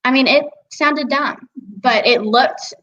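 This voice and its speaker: Speaking slowly in a high, fairly bright voice, a teenage girl guests on a casual interview about her voice-acting career. She's giggly and leans heavily on "like," and the recording sounds muffled.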